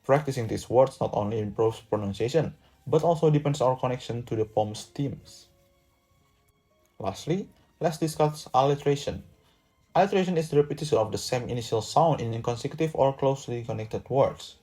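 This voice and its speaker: A man's voice: mid-range voice, a little fast, dark tone, soft background music. A young man from Indonesia, a student presenter reading a prepared lesson script in a careful, slightly stiff way. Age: young adult.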